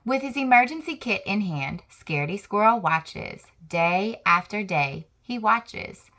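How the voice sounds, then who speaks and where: A young woman reads a children's picture book aloud in a lively, expressive way, pausing for chatty asides to her young audience. Her voice is mid-range, and she goes a little slowly.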